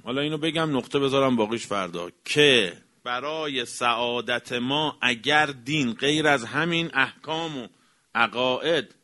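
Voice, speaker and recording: A man delivering a religious lecture, emphatic, swinging from raised exclamations down to quiet, low remarks. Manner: emphatic, rising to exclamations then dropping low. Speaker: cleric.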